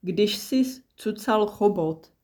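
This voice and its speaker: A woman voicing an eager, polite tortoise in a storybook reading, raising her voice high and bright for the part. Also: natural voice. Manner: excited, polite. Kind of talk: storybook narration.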